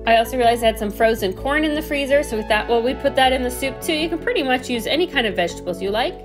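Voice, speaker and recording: In a casual cooking voice-over, a homesteading host in her thirties talks her way chattily through a recipe, step by step, in a home kitchen. Her voice sits high and sounds animated, moving at a quick pace over background music.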